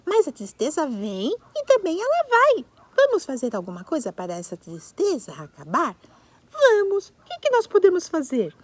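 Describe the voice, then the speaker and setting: A woman's voice: very high voice, a little mellow, no echo, pitched above the performer's own voice, full character voice. A woman voicing a kind little female giraffe who speaks sweetly and coaxingly in a make-believe story for small children.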